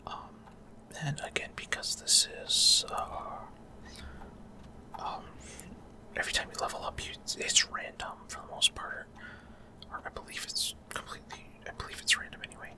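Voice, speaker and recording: This gaming ASMR host, a man, keeps to a breathy, close-mic whisper the whole time, talking at normal speed with frequent pauses. His commentary wanders casually, and he gropes through explanations, often uncertain of specifics.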